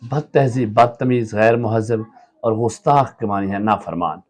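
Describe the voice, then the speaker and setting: A male teacher from Pakistan reading a play aloud and explaining word meanings in a lower voice. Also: normal speed, darkish tone. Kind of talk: reading and explaining a school lesson.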